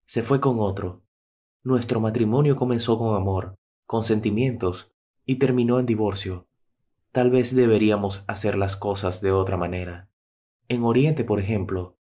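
A man voicing a gentle middle-aged surgeon and father, talking softly and in a measured way in a storybook tale. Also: on the low side, slightly rough.

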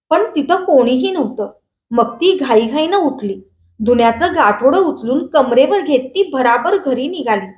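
A woman reads a novel aloud, narrating in a steady storytelling voice. Her voice is high, and the room adds a noticeable echo. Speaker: book reader.

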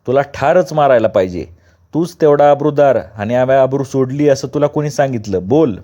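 A man voicing a fierce, commanding male outlaw chief who barks gruff threats, on a dull recording. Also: medium pitch, lively intonation, moderate pace, dark tone, close to an everyday voice. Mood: stern.

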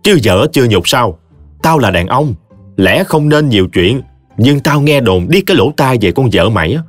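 A man's voice: medium pitch, lively intonation, moderate pace, no room sound, faint music behind, pitched above the performer's own voice, natural voice. A man voicing a stern male village teacher who lectures his friend scornfully. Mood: scolding.

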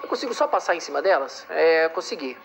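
Annoyed gamer guy ranting, voice all over the place, soft game music. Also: fairly high pitch, lively intonation, fast, gravelly. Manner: exasperated, ranting, mocking. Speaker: game streamer. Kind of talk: comedic gameplay commentary.

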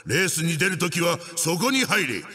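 A man voices an evil wooden witch-doctor mask spirit in a video game, barking racing instructions in a bossy, menacing, pompous way with archaic phrasing. His heavily acted voice is a little high and sharp, swings widely in pitch, moves at normal speed, and sounds like it's in a big room.

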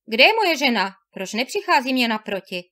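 A woman's voice: high voice, expressive, fairly bright tone. A woman reading a fairy tale aloud, voicing a desperate, lovesick young husband with pleading outcries. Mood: distraught.

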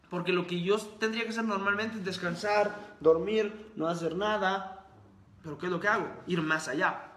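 Bright, high-voiced man in an echoey room. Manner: emphatic, builds long repeated lists. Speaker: host of a live stream on sales and reading. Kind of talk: live-streamed motivational talk, answering viewer comments.

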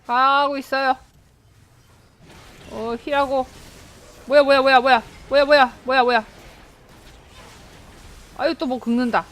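A young woman streaming a game live, chatting with her teammates, excitable, and given to shrieks and laughter when startled. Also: high voice, unhurried, pauses often. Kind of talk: live gameplay commentary.

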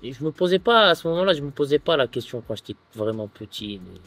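A relaxed man in his thirties, grown up in France, talks casually as a guest on an outdoor sofa. His voice sits at an ordinary middle pitch, and he leans on small fillers as he searches for words. Soft music plays faintly behind him. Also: fast talker. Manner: relaxed, full of fillers like "tu vois". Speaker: guest footballer. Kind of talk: casual interview chat.

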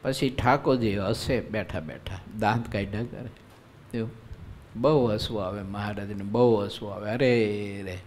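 A man's voice: fairly low pitch, a little slow, darkish tone, a little hiss or hum. A man who is a monk, giving a devotional sermon at a live religious gathering in a conversational way, often asking his listeners rhetorical questions. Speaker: monk preacher.

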